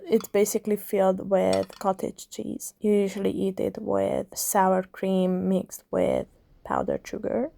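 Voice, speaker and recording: A young woman from Hungary chatting casually as she narrates her travel and reading vlog, with soft laughs. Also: medium pitch, creaky, no room sound. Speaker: book vlogger. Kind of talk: casual vlog voiceover and diary talk.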